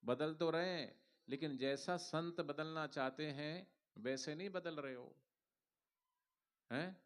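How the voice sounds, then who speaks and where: A man's voice: fairly high pitch, takes it slowly, clear, resonant tone. A man, a spiritual teacher, giving a devotional sermon to a gathering in a preachy, playful way, acting out little stories and leading the crowd in chants. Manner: preachy, playful, acts out anecdotes and leads chanting. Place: large outdoor religious gathering.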